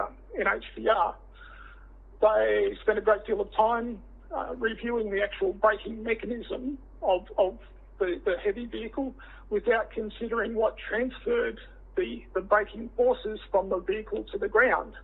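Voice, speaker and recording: An Australian man with a croaky, froggy, hoarse voice gives measured, halting formal testimony over a teleconference line. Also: high-pitched. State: hoarse after throat surgery. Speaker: witness, director of a tyre safety body. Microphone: phone or teleconference line. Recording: tinny, band-limited teleconference line.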